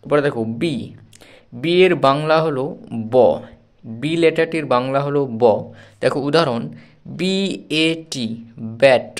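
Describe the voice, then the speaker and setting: A man's voice: on the high side, a little slow, pauses often, smooth. A man, patiently spelling out English words letter by letter in a phonics lesson for children. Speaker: English teacher.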